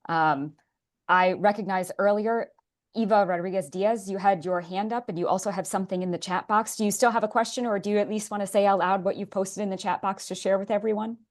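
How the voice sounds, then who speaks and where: A woman moderating an online meeting, thanking the speaker and calling on participants in a clear, guiding way. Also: mid-range voice, steady tone, a little fast.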